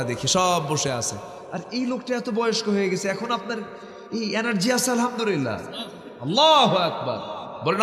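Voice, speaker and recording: A man's voice: high voice, fairly bright tone. Middle-aged male preacher, North Bengal accent, call-and-response sermon, roomy echo. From Bangladesh. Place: large outdoor sermon gathering. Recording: echoey hall, long reverb.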